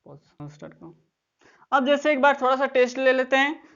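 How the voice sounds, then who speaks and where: A woman's voice: sits high, lively intonation, normal speed, lo-fi sound. A woman teaching English grammar in an online class, explaining step by step and often checking that students follow.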